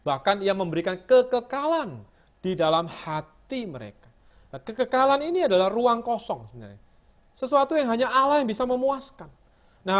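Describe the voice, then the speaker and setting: A middle-aged man giving sermon-style Bible teaching over a video call, emphatic, asking his listeners rhetorical questions. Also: high-pitched.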